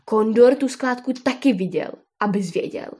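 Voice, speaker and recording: A woman's voice: a little high, animated, a little mellow, husky. A woman voicing an indignant female llama in a storybook reading, snapping and hissing in anger.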